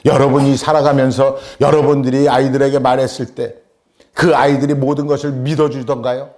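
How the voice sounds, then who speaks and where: A man's voice: medium pitch, flat delivery, a little fast, a little mellow. A male pastor giving a sermon, emphatic and full of rhetorical questions and short asides to the congregation.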